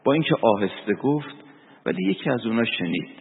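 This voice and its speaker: A cleric with a creaky, medium-pitched voice delivers a very animated sermon, telling stories and reciting verse, scripture and the Quran. The sound is tinny and phone-like, with a long reverb.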